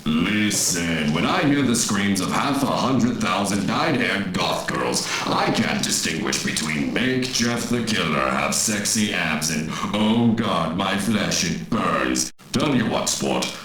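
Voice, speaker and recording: A man's voice: sits low, sing-song, takes it slowly, few pauses, a bit bright, very echoey, recorded from a distance, a little hiss or hum, pitched below the performer's own voice, full character voice, low-quality recording. A man voicing a foul-mouthed, sarcastic demon lord from the underworld, bossy and mocking. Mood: scornful.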